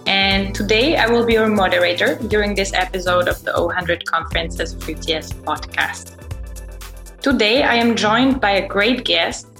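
Woman podcast moderator, courteous scripted delivery, echoey room with soft music beneath. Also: mid-range voice, moderate pace. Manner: polite, formal phrasing. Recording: roomy, faint music behind.

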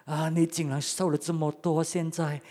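A preacher acting out an imagined gentle God, speaking softly and tenderly to a suffering man. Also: little pitch movement, moderate pace, lightly acted. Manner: soft, low, tender.

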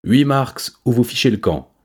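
A man putting on a shrill, bossy chimp. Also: lively intonation, moderate pace, husky. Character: greedy shrill male chimpanzee cashier.

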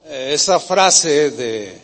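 Male pastor, high voice, emphatic sermon style in a reverberant hall. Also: lively intonation, drawn-out words, fairly bright tone. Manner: emphatic, repetitive, questions the congregation. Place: church hall.

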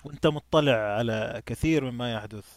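A male podcast host who talks fast, with a gravelly, creaky texture to his voice. He moves the conversation on briskly, and the recording is dry and close. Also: medium pitch, dry recording. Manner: brisk, guiding, with short backchannels. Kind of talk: hosting an interview.

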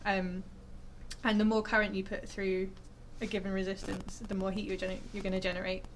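A woman's voice: medium pitch, level tone, a little fast, a little hiss or hum. Chatty woman explaining science. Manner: chatty and enthusiastic, full of fillers and self-corrections. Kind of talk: informal science explanation to an audience.

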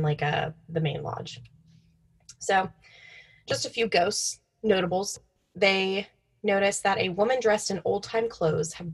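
A woman's voice: lowish voice, husky, low-quality recording. A young woman co-hosting in an informal, offhand way, telling stories partly read from notes. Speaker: podcast co-host.

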